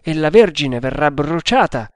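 A man's voice: a little high, animated, moderate pace, dry recording, studio quality. A man voicing a bold, desperate Indian hunter with an urgent, raised delivery in an audiobook. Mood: questioning. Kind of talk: audiobook character voice.

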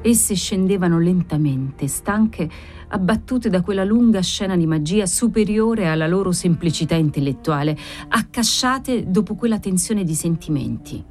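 Low, mellow-voiced woman narrator. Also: faint music behind. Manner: measured, expressive storytelling. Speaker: audiobook reader. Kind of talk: literary narration.

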